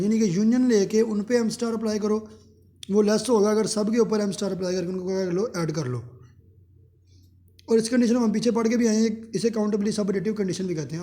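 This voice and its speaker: A man's voice: sits high, warm tone. A man giving a math lecture, who poses questions to the class and answers them himself.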